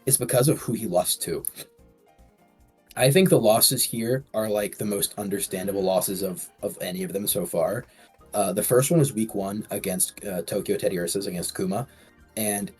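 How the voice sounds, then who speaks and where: Low-voiced man casually ranking teams. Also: darkish tone. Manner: rambling, restarts often. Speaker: co-host. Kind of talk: casual podcast commentary.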